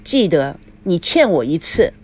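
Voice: mid-range voice, very animated, unhurried, slight background noise. A reader voicing a proud young wife who speaks coldly and curtly in a storybook drama. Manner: cold, curt.

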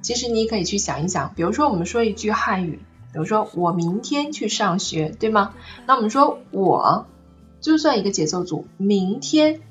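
A woman teacher speaks quickly and expressively in a medium-pitched, slightly bright voice as she patiently explains French pronunciation and intonation online, frequently adding "right?" to check in. Soft music plays behind her.

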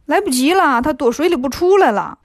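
A woman voicing a cheeky, boastful male monkey king in a storybook reading, joking and brisk. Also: high-pitched, expressive, dry recording, clean studio sound.

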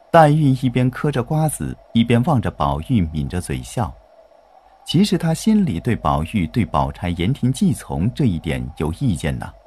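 A man narrating a children's story, with a lowish voice that rises and falls a great deal. He tells it expressively over faint background music. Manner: expressive, animated.

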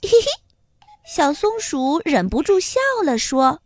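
A woman narrating a children's story in a gentle, sing-song storybook manner. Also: sits high, big pitch swings, takes it slowly, no room sound.

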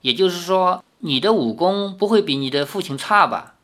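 A reader voicing an old woman, an elder who questions a young stranger sharply and then warms to him with formal, old-fashioned courtesy. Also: mid-range voice, lively intonation, moderate pace, natural voice. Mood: puzzled. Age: older. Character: stern then kindly old woman, elder of a hidden sect.

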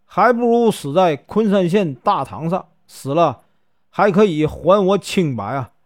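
A man's voice: sits high, expressive, unhurried, no room sound, studio quality. Brief: a man doing a desperate wronged young widow in a storybook tale, pleading. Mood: resolute. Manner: pleading, emotional.

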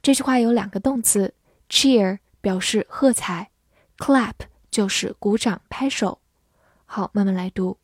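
A woman's voice: a little high, darkish tone, no room sound, clean studio sound. A woman teaching English vocabulary, patiently explaining words and spelling them out letter by letter. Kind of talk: vocabulary lesson, slow model readings.

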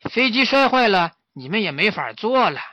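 A man playing a grumpy old kung fu master from a storybook, lecturing slowly and getting exasperated. The voice swings lively in pitch over a dry, slightly muffled recording. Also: dry recording. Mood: explaining. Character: grumpy, impatient old male martial arts master.

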